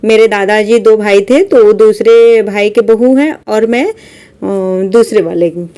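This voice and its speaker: A woman's voice: mid-range voice, takes it slowly, mellow. A woman vlogger narrating her day in a casual, homely, chatty voice-over. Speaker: village life vlogger.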